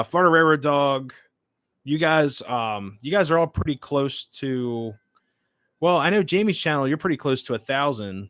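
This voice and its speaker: A man's voice: on the high side, fairly bright tone, no room sound. Casual young male livestreamer, dry close sound. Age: late 20s. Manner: chatty, informal, hops between short remarks. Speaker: livestream host. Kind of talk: casual livestream chat, reading and answering comments.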